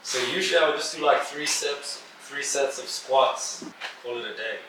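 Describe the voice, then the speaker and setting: A young man in his twenties chatting casually with a friend about his workout, in relaxed bro talk. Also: mid-range voice, normal speed, far from the mic. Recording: echoey, off-mic, faint hiss.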